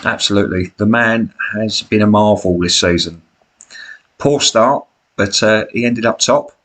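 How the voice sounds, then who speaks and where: A British man with a smoker's rasp and cough, giving chatty, blokey, self-deprecating commentary on a football management game as he live streams. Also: fairly low pitch, unhurried, fairly bright tone.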